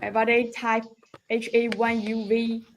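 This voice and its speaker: A woman's voice: a little high, level tone, normal speed, noisy background. A woman hosting a live product launch stream, promoting a deal and urging viewers to join a giveaway.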